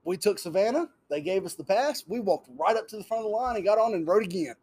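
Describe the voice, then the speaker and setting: A man's voice: high voice, animated, fast, a little mellow. A married man chatting casually with friends, telling a story with enthusiasm. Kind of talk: casual chat.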